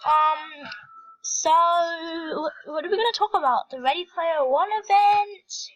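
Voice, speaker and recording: A woman's voice: very high-pitched, slow pace, fairly bright tone, soft background music, low-quality recording. A young woman giving casual, chatty gameplay commentary, rambling with fillers and giggles. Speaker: gamer.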